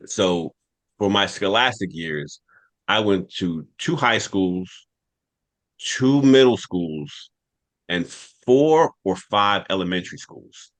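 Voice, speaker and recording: A man's voice: deep voice, animated, slow, a bit bright. A man hosting a podcast and telling a rambling personal story from childhood, with a New York accent. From United States. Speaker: podcast host. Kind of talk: casual storytelling.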